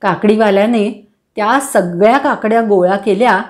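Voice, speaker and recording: A woman narrating a folk tale for children in a clear, expressive way. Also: mid-range voice, normal speed. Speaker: storyteller. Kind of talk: story reading for children.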